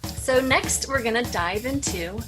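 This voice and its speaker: A woman's voice: a little high, expressive, a little slow, over music. A woman hosting an educational show, telling folklore in a chatty, casual way with light asides. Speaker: show host.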